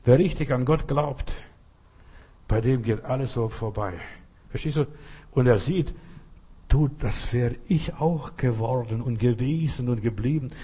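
A man's voice: mid-range voice, unhurried, dark tone, slightly rough. A man preaching a sermon, talking directly to the listener and often asking if they understand, with sudden emphatic rises in his voice. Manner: talks straight to the listener, keeps asking "you understand?".

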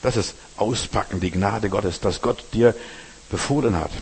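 A man's voice: on the low side, normal speed, breathy edge, big-room sound. A man preaching a sermon, addressing listeners directly with frequent asides asking if they understand.

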